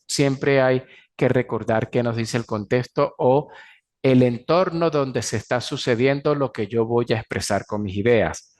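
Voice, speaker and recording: A man teaching an English grammar class in Spanish, pronouncing the English example sentences slowly and clearly. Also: medium pitch, a little mellow. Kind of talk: recorded class lecture.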